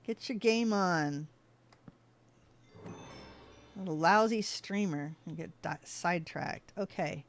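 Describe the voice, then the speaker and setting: Playing a game on stream, this woman talks casually with her audience, drifting off topic and laughing often. Her voice is on the low side, and she speaks slowly with long pauses.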